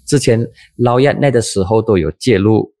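A man's voice: fairly low pitch, moderate pace, dark tone, dry recording, clean studio sound. A man hosting a casual news talk show in Malaysian-accented Mandarin, chatting with a guest and using many filler particles.

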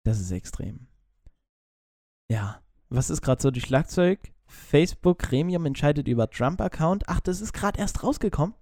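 Brief: male podcast co-host, mellow, fairly high voice, chatty and rambling, dry close recording. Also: expressive, moderate pace, no echo. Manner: chatty, jumps between topics, stumbles and restarts. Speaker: podcast co-host reading news. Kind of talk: casual chat.

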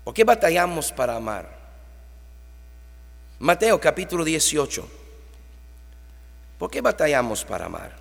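A man's voice: fairly high pitch, big pitch swings, measured pace, creaky, long pauses, in a large hall. A man preaching a sermon as pastor, reading scripture aloud and rising and falling in volume.

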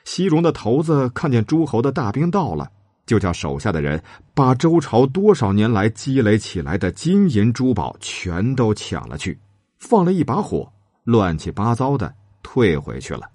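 A man telling a traditional tale with lively, dramatic delivery. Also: normal speed, no room sound, studio quality. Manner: lively, dramatic, shifting pitch for characters. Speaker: storyteller. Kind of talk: storytelling narration with acted character lines.

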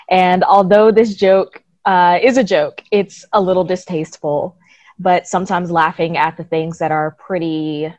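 A woman in her early twenties talks candidly as a panel guest. Her voice sits fairly low and sounds dry and close, with no room around it. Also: a little mellow, no echo. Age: 20s. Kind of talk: casual discussion.

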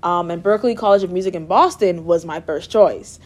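A woman's voice: on the low side, fairly quick, a little mellow. A young woman from the Bahamas, a guest chatting casually in an interview, bubbly with frequent laughs and fillers. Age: young adult. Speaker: guest, music therapy student.

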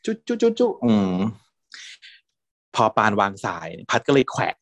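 A man in a casual chat, retelling a drama as an animated storyteller who acts out the quotes and laughs often. His voice sits in a medium range but swings widely with expression. The sound is dry and close. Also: medium pitch, unhurried, no echo. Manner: uses playful feminine particles. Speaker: podcast co-host.

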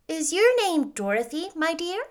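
Woman putting on a high-pitched kindly old witch. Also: very animated, moderate pace. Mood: kindly, advising. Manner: solemn, instructive. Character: kind little old woman, good witch.

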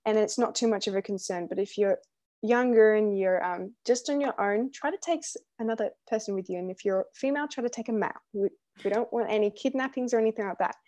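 A young woman hosts a casual faith podcast, speaking earnestly and encouragingly in a fast, mid-range voice with a slightly mellow tone. She often says "um" and restarts her sentences.

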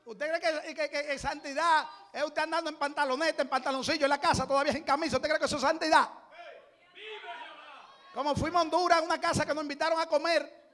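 A middle-aged man, preaching a sermon with passion, often shouting and repeating his phrases. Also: very high-pitched, flat delivery, fast. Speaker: pastor.

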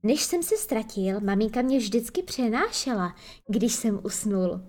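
A woman's voice: on the high side, sing-song. A woman voicing a small, wistful boy who misses his mother. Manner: soft, wistful.

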